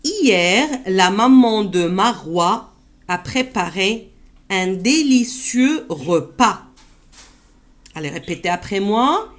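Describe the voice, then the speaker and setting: A woman teaching French pronunciation to children, repeating each word slowly and clearly. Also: mid-range voice, expressive. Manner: slow, deliberate repetition of words for learners; switches to quick Moroccan Arabic asides.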